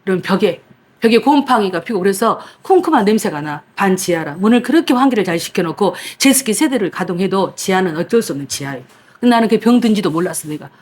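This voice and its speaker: A woman pastor preaching, telling a personal story in a lively, dramatic way, acting out her own past cries and protests. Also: mid-range voice, fast talker. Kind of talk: sermon with personal testimony.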